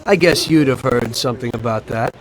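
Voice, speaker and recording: A man with a mid-range voice, speaking a little quickly, plays a former cab driver who became a mafioso, calmly recounting his past to a detective in a video game cutscene. His matter-of-fact delivery sounds close to everyday speech, and he comes across as a calm, unrepentant informant. The audio is poor, with a slight hiss or hum.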